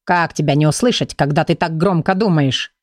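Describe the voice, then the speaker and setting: A woman's voice: low-pitched, brisk, no room sound, clean studio sound, lightly acted. A woman voicing a grumpy, know-it-all male magic book who grumbles in an audiobook. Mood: grumbling. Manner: grumbling, told-you-so. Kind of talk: audiobook character voice.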